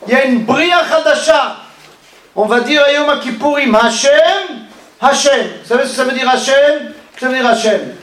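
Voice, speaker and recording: Man, fairly high voice, teaching class, teasing questions, echoey hall, distant mic. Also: moderate pace. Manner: animated, questions and teases listeners, swings from loud calls to low murmurs. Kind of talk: religious lesson. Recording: echoey room, voice from far off.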